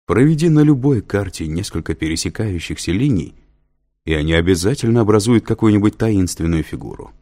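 A man's voice: lowish voice, lively intonation, brisk, warm tone. A man reading an audiobook, voicing a patient male professor who explains and lectures with dry humor. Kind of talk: audiobook character voice.

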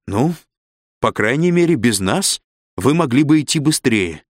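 A man voicing a brisk, resourceful woman captain in an audiobook, in an earnest, direct manner. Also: mid-range voice, very animated, dry recording, studio quality, pitched above the performer's own voice. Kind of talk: audiobook character voice.

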